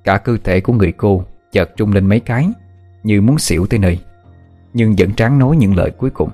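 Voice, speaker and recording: A man narrating an audio story in a steady storytelling manner. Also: on the low side, brisk, soft background music.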